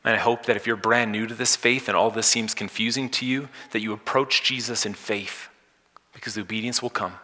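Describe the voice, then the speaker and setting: A man preaching a sermon as pastor, swinging from loud emphatic lines to soft hushed ones. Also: on the low side, fairly even intonation, a little fast. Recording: long hall reverb.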